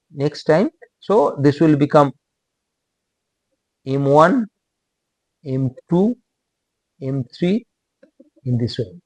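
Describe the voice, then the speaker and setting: Slow, halting Indian-accented male lecturer. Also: fairly high pitch, a little mellow, dry recording. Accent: Indian English. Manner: slow, halting, repeats phrases.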